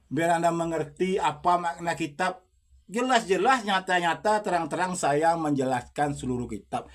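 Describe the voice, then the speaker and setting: A man presenting himself as a religious teacher preaches in a monologue, insistent and repetitive, hurling rhetorical questions at the listener. His voice is high-pitched.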